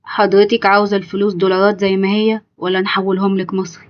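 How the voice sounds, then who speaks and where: A woman's voice: mid-range voice, little pitch movement, fast talker, highs cut off, lightly acted. A woman with an Egyptian accent voicing a scheming young male fiancé who talks politely, reassuringly and formally. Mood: smooth. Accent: Egyptian Arabic.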